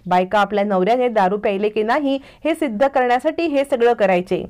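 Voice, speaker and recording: An earnest young village woman from a family television drama, explaining herself plainly, as a woman reads her lines. The voice is fairly high. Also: fairly quick, a little mellow, close to an everyday voice.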